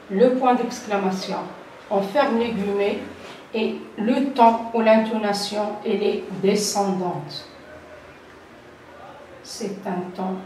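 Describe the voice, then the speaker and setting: Slow older woman teaching in an echoey room. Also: medium pitch, a little mellow, far from the mic, slight background noise. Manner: slow, deliberate, repeats key terms. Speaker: French teacher. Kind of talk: classroom grammar lesson.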